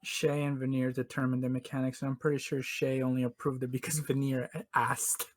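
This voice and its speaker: A man's voice: mid-range voice, flat delivery, brisk, no room sound. A man playing in a tabletop game, chatty with laughing asides. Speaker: player. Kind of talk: casual tabletop game chat.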